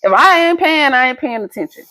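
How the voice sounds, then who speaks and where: A woman co-host telling stories in casual chat, with animated, emphatic delivery. Her voice sits a little high and swings widely, and the recording is dry, with no room sound. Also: a little fast, no echo, low-quality recording. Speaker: podcast co-host.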